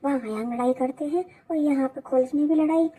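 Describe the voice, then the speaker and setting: A woman's voice: sits high, brisk, heavy background noise, close to an everyday voice. A woman voicing a shy, innocent young college boy in a storybook drama, timid and fretful. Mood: nervous.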